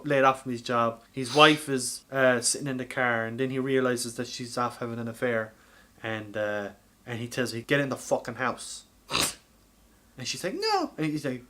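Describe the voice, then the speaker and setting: A medium-pitched Irish man with a sharp tone co-hosts a podcast, swearing freely while spinning animated stories about films in relaxed, informal chat.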